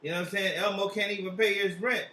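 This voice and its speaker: High-voiced man in an echoey room, rambling profanely. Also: fairly even intonation, fast talker, bright, forceful tone. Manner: profane, slangy, rambling, repeats tag questions. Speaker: comedic tarot advice hotline host. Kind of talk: comic infomercial psychic hotline, rambling casual advice. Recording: roomy echo, distant from mic.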